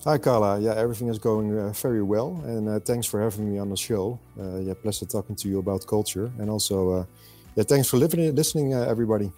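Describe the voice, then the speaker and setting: A middle-aged Dutch man speaks in a low, mellow voice, talking through his work as a podcast guest. He is measured and hesitant, often pausing on "uh" between thoughts. Faint music sits underneath. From Netherlands. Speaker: podcast guest, fund selector. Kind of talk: conversational interview answers.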